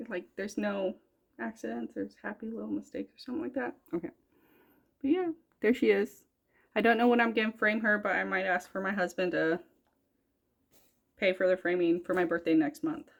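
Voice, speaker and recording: A young woman with a gravelly, mid-range voice chats casually about her cross-stitch projects. She's chatty and rambling, correcting herself as she goes.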